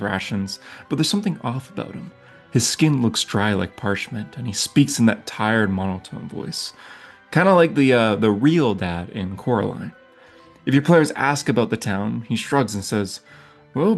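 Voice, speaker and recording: Man, game master narration, spooky storytelling, hushed suspenseful passages, faint background music. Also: mid-range voice. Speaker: game master and channel host. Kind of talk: narrated tabletop setting guide.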